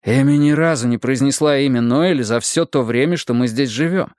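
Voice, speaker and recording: A man reading a first-person audiobook in a measured, expressive way. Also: mid-range voice, no echo, clean studio sound. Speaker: audiobook narrator.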